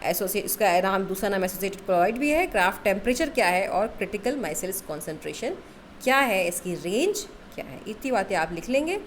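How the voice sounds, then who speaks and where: A woman's voice: medium pitch, a little hiss or hum. A woman chemistry teacher giving a classroom lecture. She often checks in with "okay", asks her students questions and answers them herself, and mixes English terms into her explanation.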